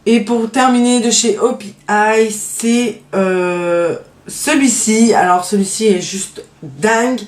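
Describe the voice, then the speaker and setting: A woman's voice: medium pitch, slow pace, roomy sound. A woman beauty vlogger casually showing her favorite nail polishes, hesitant with lots of fillers but enthusiastic about her favorites. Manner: hesitant, many fillers and trailing "donc voilà". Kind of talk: casual show-and-tell vlog.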